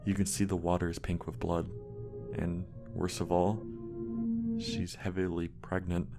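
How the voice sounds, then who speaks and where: Low gravelly dude reading a creepy horror story, steady and measured, music playing under him. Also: male voice. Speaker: narrator. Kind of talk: scripted horror story narration.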